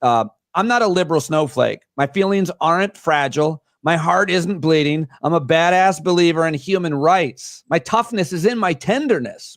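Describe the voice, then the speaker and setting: In an interview conversation, a Central New York comedian in his forties talks as a guest with outspoken passion, delivering his words in rapid bursts. His high-pitched voice comes through a dry recording with clean studio sound.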